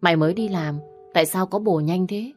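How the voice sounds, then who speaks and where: A woman's voice: on the low side, brisk, soft background music, close to an everyday voice. A woman voicing a tired, reluctant young woman who answers wearily and hesitantly in a storybook reading. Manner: weary, hesitant.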